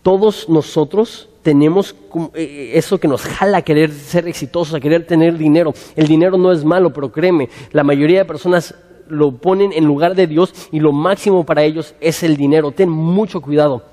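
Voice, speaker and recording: A man preaching a sermon as pastor, animated and acting out scenes with quoted voices. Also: fairly high pitch, a little fast. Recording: long hall reverb.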